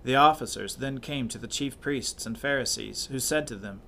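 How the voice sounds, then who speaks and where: Male liturgical reader in a church service, steady and solemn, mid-range voice, faint background hiss. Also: medium pitch, gravelly. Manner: measured, solemn reading cadence. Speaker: scripture reader and officiant. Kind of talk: liturgical scripture reading and prayer.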